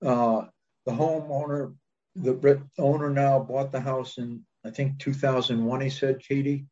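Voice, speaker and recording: Husky-voiced man presenting, dull recording. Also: mid-range voice, fairly even intonation, a little slow. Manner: hesitant, frequent soft laughs. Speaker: presenter of a nomination. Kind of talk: presentation and answering questions.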